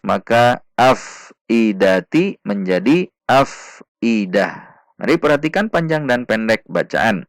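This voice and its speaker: Male recitation teacher, low gravelly voice, very slow patient delivery, dry close mic. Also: no echo. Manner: patient, drawn-out syllables with chanted recitation. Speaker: Quran reading teacher. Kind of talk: slow step-by-step recitation lesson.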